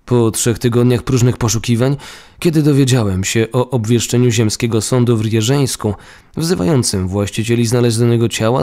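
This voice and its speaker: A man's voice: mid-range voice, mellow, lightly acted. A man voicing the ghost of a young nobleman who has lost his body, speaking in humble, formal petitioning language.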